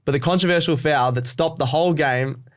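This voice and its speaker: A man's voice: a little high, a little fast. A young man co-hosting a casual football podcast, upbeat and laughing often. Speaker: podcast co-host. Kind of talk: casual sports podcast chat.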